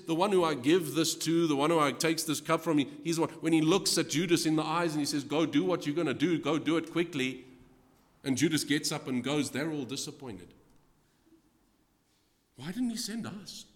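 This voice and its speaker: A man's voice: on the high side, a little fast. Man preaching in a reverberant hall. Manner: swings from hushed to loud, acting out scripture quotes. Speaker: guest preacher. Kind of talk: sermon. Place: church hall.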